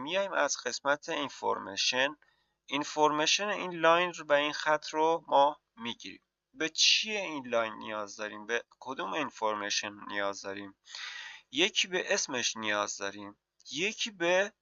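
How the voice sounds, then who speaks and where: A man teaching mapping software in a screen-recorded tutorial, walking through each step and answering his own questions. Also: medium pitch, vocal fry, clear, resonant tone, no room sound, dull audio. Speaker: software instructor.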